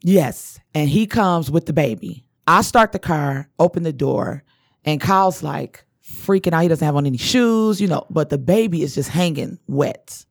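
A woman co-hosting a casual podcast, telling a personal story in a lively way and acting out what people said. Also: deep voice, normal speed, no room sound, clean studio sound. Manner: animated storyteller who acts out what people said. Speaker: podcast co-host.

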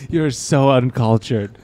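A man's voice: mid-range voice, warm tone, slight background noise. A man hosting a podcast and running a word game, teasing his co-hosts with mock exasperation. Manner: teasing, exasperated, quick to laugh. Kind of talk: casual podcast banter.

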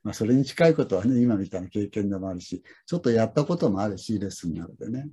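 A man's voice: fairly low pitch, animated, fast talker, mellow, breathy edge. A middle-aged man hosting a talk on lessons, telling stories in a reflective, rambling way with many fillers. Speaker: lesson host. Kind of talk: casual conversation.

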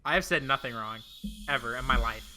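Fast, bright-voiced joking young man. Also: medium pitch, slight background noise. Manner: joking, sarcastic, quick. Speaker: podcast co-host. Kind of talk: casual podcast banter.

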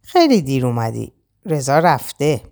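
A woman's voice: rumbling low, very animated, creaky, darkish tone, exaggerated voice. A woman reading the lines of a reproachful, blunt young man in a storybook. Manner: reproachful, firm.

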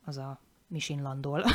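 Woman, forties, low voice, frank, animated, casual swearing, podcast talk. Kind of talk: candid podcast conversation.

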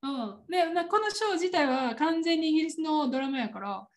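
A woman's voice: high voice, lively intonation, brisk. A woman with a Kansai Japanese accent chatting casually on a podcast, laughing often as she explains. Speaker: podcast co-host. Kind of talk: casual chat.

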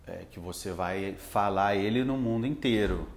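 A Brazilian man who teaches English, talking in a relaxed, rambling way with lots of fillers. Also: fairly low pitch, moderate pace, roomy sound, slight background noise. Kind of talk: casual podcast chat.

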